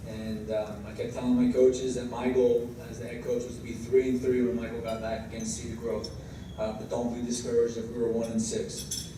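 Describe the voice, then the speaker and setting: A man's voice: mid-range voice, monotone, normal speed. Echoey, distant American man giving a coach's speech. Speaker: high school baseball head coach. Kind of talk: semi-scripted tribute speech at an awards event. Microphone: distant microphone. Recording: very echoey room, distant mic, clear background noise.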